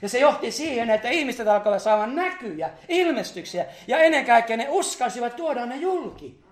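A man's voice: very high-pitched, expressive, echoey room. A man preaching a charismatic sermon, fervent, breaking into hallelujahs and laughter. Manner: fervent, exclaims hallelujah, laughs between phrases. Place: church meeting hall.

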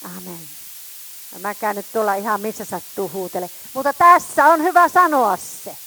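A woman preaching a sermon, fervent, calling out to her congregation and swinging between loud shouts and quiet asides. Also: medium pitch, a little hiss or hum, rough recording.

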